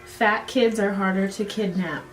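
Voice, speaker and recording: Slow-talking woman in an echoey room. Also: medium pitch. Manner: giggly, teasing. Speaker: vlogger playing a party game with sisters. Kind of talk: casual playful chat, mouthing out phrases. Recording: echoey room, slightly distant mic, music behind.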